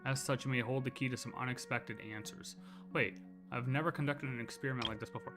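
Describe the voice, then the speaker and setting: Over faint game music, a man with a steady, mid-range voice talks fast, musing his way through a game playthrough. He's a streamer offering relaxed live commentary.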